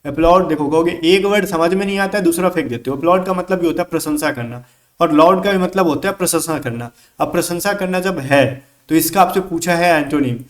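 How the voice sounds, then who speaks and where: A man with a fairly high voice and an Indian English accent gives an exam-prep English lesson. He is chatty and coaxing, and he often voices his students' questions before answering them. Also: fairly quick. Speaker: English teacher.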